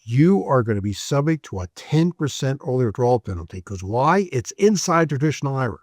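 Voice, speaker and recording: A man's voice: medium pitch, very animated, brisk, dry recording, studio quality. A man presenting a webinar lecture on retirement benefits, conversational and prone to restarts and repeats.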